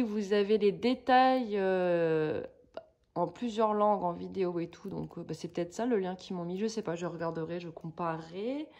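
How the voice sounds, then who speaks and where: A woman's voice: mid-range voice, a little mellow. A woman vlogger chatting casually through a craft kit unboxing, hesitant and searching for words with many fillers.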